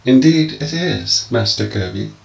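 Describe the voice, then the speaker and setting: A man's voice: medium pitch, expressive, a little slow, vocal fry, echoey room, voice pushed up, rough recording. A man voicing a courteous, formal male robot butler in a storybook reading. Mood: polite. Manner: courteous, formal, addresses master dutifully. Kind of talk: audiobook character voice.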